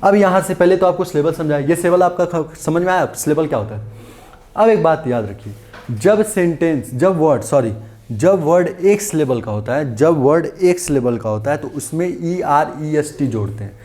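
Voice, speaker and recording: Man teaching grammar, mellow. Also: fairly high pitch, expressive, moderate pace. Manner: repetitive, asks and answers his own questions. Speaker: English teacher. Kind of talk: exam-prep grammar lesson. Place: classroom-style video lesson.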